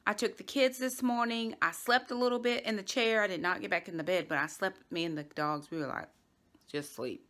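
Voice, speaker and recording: A middle-aged woman talks straight into her phone camera at home, chatty and upbeat, and she leans on certain words to stretch them out. Her voice sits at an ordinary middle pitch for a woman. The sound is close and plain, like a phone held at arm's length in a bedroom. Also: fairly even intonation, a bit bright. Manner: chatty and upbeat, drawn-out emphasis. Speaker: vlogger. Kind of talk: casual cleaning vlog.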